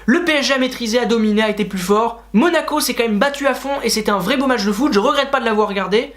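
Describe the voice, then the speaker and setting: A man's voice: very high voice, quick pace, fairly bright tone. A man hosting a casual football reaction video, talking straight to his viewers and ranting with frustration and sarcastic asides. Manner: talks to viewers directly.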